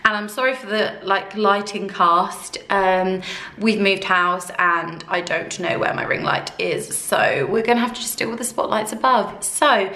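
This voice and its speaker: A woman with a croaky voice, chatting casually through a craft tutorial with many fillers. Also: mid-range voice, unhurried, pushed and bright. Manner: rambling, conversational, many fillers. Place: room at home under ceiling spotlights. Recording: echoey room.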